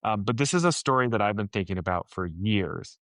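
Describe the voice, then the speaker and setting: A man with a fairly low voice hosts a podcast interview, talking earnestly and conversationally and restarting his sentences now and then. The sound is dry and close to the mic. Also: animated, fairly quick, fairly bright tone, no room sound, poor audio. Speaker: podcast host.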